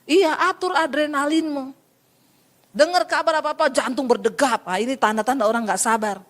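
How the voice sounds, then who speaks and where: A middle-aged woman from Sulawesi preaching a lively, humorous sermon to a congregation. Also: high voice, moderate pace.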